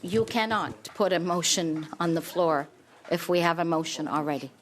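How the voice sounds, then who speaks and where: A woman's voice: on the low side, fairly even intonation, normal speed. A woman chairing a committee meeting, procedural and conciliatory.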